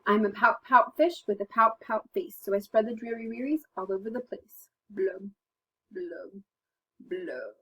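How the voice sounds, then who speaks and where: A woman's voice: mid-range voice, a little slow, breathy edge, poor audio. A woman doing a glum pouting storybook fish. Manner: sulky, sing-song rhyming refrain.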